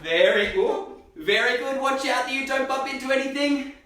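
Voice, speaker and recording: A man's voice: very high-pitched, normal speed, bright, forceful tone, a little hiss or hum. A man coaching a children's gymnastics class in a live stream, cheering the kids on with upbeat encouragement, heard from across a gym. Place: gym hall. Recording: roomy echo, distant from mic.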